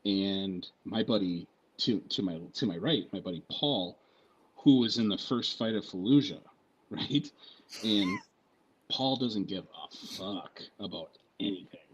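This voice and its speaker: A military veteran guest telling stories on a podcast in a casual, profane, rambling way, often checking in with "right?" and "you know what I mean?". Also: male voice, fairly low pitch, animated, unhurried, highs cut off, a little hiss or hum.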